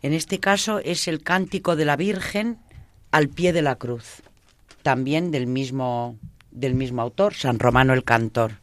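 A man calmly introducing and explaining religious texts on a radio talk. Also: medium pitch, a little slow, no echo. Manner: calm, explanatory. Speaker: co-host.

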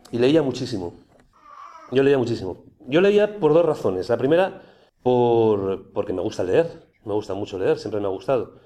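Brief: man, storytelling testimony, mid-pitched, lively and informal with frequent restarts. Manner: conversational, animated, with many restarts. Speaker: speaker giving a personal testimony.

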